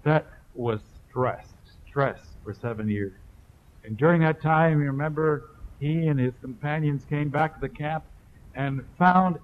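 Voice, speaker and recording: Emphatic preacher on a muffled old tape. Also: male voice, fairly high pitch, measured pace, a little hiss or hum. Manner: emphatic, building repetition. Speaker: pastor. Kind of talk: sermon. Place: church service.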